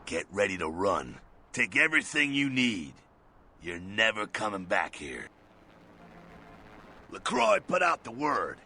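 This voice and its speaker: A man voicing a gruff, streetwise male vampire helper in a video game, talking in an urgent, blunt and sardonic way. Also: on the low side, sing-song, a little slow, long pauses, pushed and bright, slight background noise, full character voice.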